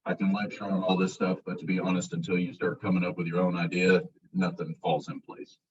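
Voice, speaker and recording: A male college instructor giving a casual classroom lecture, relaxed and self-described as monotone. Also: low voice, fairly quick, slight background noise. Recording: muffled, distant classroom recording.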